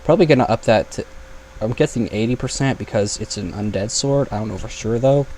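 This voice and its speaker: A man's voice: medium pitch, fairly quick, a little mellow, a little hiss or hum. A young man giving casual, chatty commentary over his gameplay, thinking aloud with sudden yelps. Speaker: gaming YouTuber.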